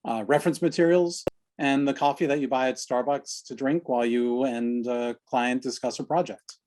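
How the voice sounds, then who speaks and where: A man presenting an online workshop over a video call, explaining in a relaxed, conversational way. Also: medium pitch, normal speed.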